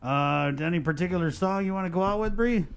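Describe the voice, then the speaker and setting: Brief: cheery male radio host with a slightly high voice, loose and jokey. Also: brisk, a little hiss or hum. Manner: upbeat, joking, laughs along. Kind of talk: casual radio talk show.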